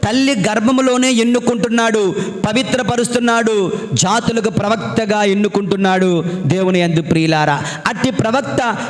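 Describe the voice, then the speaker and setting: High-voiced priest preaching in an echoey hall. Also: male voice, moderate pace. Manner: emphatic, poses rhetorical questions and answers them. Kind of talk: sermon. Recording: echoey church hall reverb.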